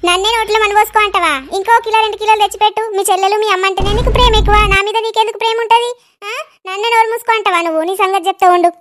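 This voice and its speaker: A woman playing a quarrelsome, jealous village wife who scolds in fast, rapid-fire complaints. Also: very high-pitched, steady tone, slight background noise. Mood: complaining.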